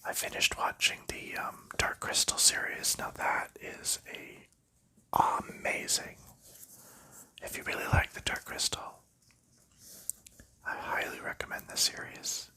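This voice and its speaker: Sorting board game pieces for his ASMR audience, a man whispers in a leisurely, wandering way, laughing softly now and then.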